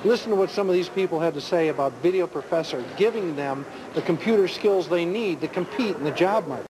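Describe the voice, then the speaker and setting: A man with a high, expressive voice talks fast as he hosts an infomercial, pitching products off the cuff. He's insistent and keeps repeating himself. Noisy ambience is clearly audible in the background.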